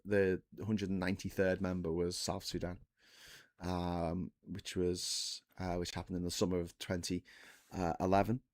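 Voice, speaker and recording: A man's voice: low-pitched, a little mellow, dry recording, studio quality. Chatty man in his forties, rambling. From England. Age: 40s. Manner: rambling, self-correcting, chatty with the chat. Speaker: livestream host. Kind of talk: casual live-stream chat.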